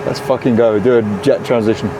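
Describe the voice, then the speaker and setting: Young man talking to camera in a casual vlog, upbeat and loose, sprinkling in swear words and laughs. His voice sits at an ordinary middle pitch, with street and traffic noise audible clearly behind him. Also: fairly even intonation, fast. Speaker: DJ and vlog host.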